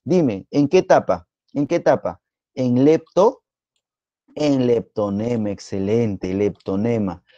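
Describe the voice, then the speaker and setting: Man with a Peruvian Spanish accent, biology teacher, playful teasing quizzer, mellow voice, dry slightly muffled mic. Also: on the low side, no echo. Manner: playful teasing, quizzing students with rapid repetitions. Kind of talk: live online exam-prep class.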